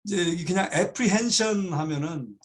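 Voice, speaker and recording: A man teaching a Bible study, reading English phrases slowly and explaining them, repeating key words for emphasis. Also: sits high. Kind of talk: explaining an English text line by line.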